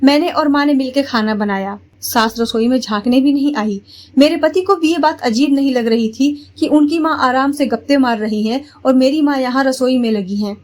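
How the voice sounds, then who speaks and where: High-voiced woman telling a family story. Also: moderate pace, darkish tone. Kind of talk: first-person story narration.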